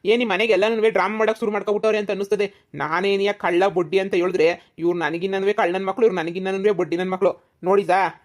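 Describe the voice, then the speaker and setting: A woman voices rough village men for a cartoon comedy. She talks quickly in a mid-range voice, with a gruff, interrogating manner. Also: medium pitch.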